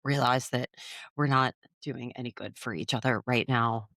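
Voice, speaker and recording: A woman co-hosting a podcast in casual chat, blunt and quick to swear and laugh. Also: a bass voice, steady tone, a bit bright, no echo, studio quality. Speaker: podcast co-host.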